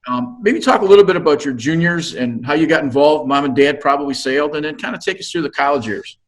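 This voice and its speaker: A man's voice: a little high, lively intonation, fast. A man hosting an interview, asking loose, rambling questions with frequent restarts. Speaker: host.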